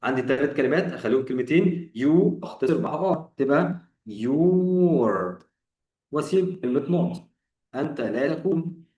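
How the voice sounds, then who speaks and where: A man's voice: mid-range voice, fast, warm tone, distant mic, dull audio. A man with an Egyptian Arabic accent teaching an English grammar lesson, explaining step by step, repeating examples and asking rhetorical questions. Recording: echoey room, voice off-mic.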